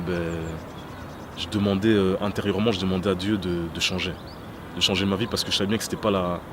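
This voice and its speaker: A man from Congo in his thirties, giving a testimony interview with many hesitations and restarts. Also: deep voice. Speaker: interview guest. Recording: loud background noise.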